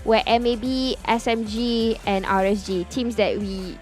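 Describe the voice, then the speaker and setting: A woman's voice: a little high, fairly even intonation, a little slow, a little mellow, faint music behind. A woman co-casting an esports league, agreeable and hedging, with frequent fillers. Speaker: esports caster. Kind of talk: esports desk analysis.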